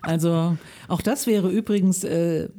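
A woman giving a live reading of a children's book in a radio studio, telling it with lively shifts in pitch, then chatting casually with the host. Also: unhurried, noisy background. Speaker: guest reader.

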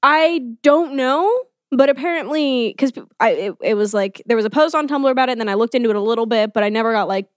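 A young woman with a slightly high voice, co-hosting a casual podcast. Her talk is slangy and wry, in a dry, close recording. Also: fast talker, no echo. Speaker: movie podcast co-host. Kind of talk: casual chat.

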